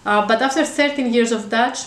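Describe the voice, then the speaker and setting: A Greek woman, a vlogger whose first language is Greek, chats casually to the camera in a roomy space with an echo. Her voice sits on the high side and runs a little fast, and she meanders along with lots of fillers and restarts.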